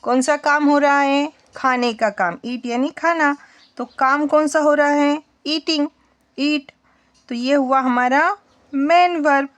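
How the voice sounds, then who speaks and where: A woman's voice: high-pitched, steady tone, a bit bright. A woman teaching a spoken English lesson in Hindi, patiently quizzing her students as she goes. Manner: slow, patient, asks the class questions.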